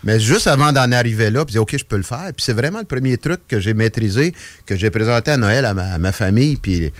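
Here a man of 50-plus with a Quebec French accent, hailing from Trois-Rivières, talks fast at medium pitch as a guest magician in a relaxed, jokey radio conversation. The recording is dry, made in a radio studio, and his storytelling is animated and rambling, full of self-interruptions and tangents.

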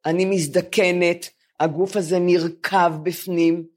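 An older woman in her seventies tells comic stories about getting old, mocking herself with animated swings in her voice. She co-hosts a chat podcast taped live in front of building residents. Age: 70s. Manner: animated, self-mocking, lively jumps in pitch. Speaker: podcast co-host.

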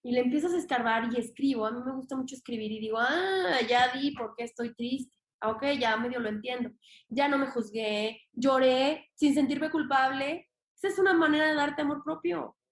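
Young Mexican woman, high voice, expressive slangy podcast guest, roomy echoey recording. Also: moderate pace. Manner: expressive and slangy, acts out her inner voice. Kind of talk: casual conversation. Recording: echoey room.

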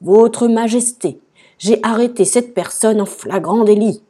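Lady doing a grim grumbly castle guard, slow, husky, dark tone. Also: medium pitch, lively intonation. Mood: formal. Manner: lugubrious, grumbling. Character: gloomy stern male castle guard.

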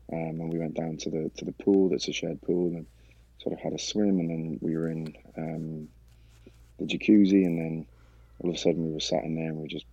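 Man, very low flat voice, gravelly and husky, dry dull recording, halting chat. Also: no echo. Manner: halting, many fillers and restarts. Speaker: guest sharing his story. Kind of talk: casual interview chat.

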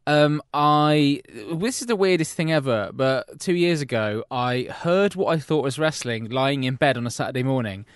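British man, mid-pitched, podcast co-host, casual banter, deadpan teasing, dry recording. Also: normal speed, few pauses, clear, resonant tone, no echo.

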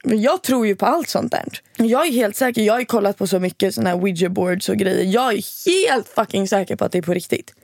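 Her mid-range voice is gravelly and she barely pauses, recorded in studio quality with no room sound. She's a podcast co-host and an animated storyteller, chatting casually and acting out what people said.

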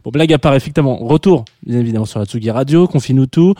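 Dark-voiced rambling radio host, man. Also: mid-range voice, rapid-fire, dry recording, studio quality. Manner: rambling, many fillers and restarts. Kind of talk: late-night radio music chat.

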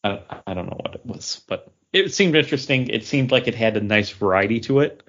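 The same co-host talks fairly quickly with lively intonation, his fairly low voice carrying a slight brightness as he rambles casually through the podcast chat. The audio is dull lo-fi.

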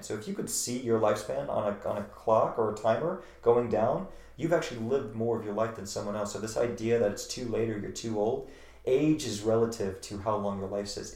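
Gravelly man giving earnest life advice. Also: lowish voice, darkish tone. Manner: earnest, emphatic, repeats key phrases. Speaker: interview guest. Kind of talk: motivational interview answers. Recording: roomy echo.

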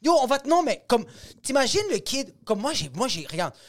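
A man in casual podcast chat, quick and animated with street slang. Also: very high voice.

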